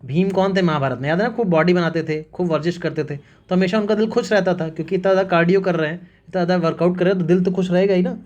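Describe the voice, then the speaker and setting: A man whose voice sits high and darkish comes through on a lo-fi recording. He briskly drills exam facts with mnemonics, returning over and over to "याद रखना" and "ठीक है," which mean "remember this" and "okay."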